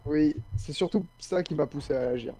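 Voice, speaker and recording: Fantasy tabletop lord male player, very soft-edged dark voice, courteous, modest and formal. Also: a little high, moderate pace, a little hiss or hum, natural voice. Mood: polite. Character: polite, modest new Norse jarl.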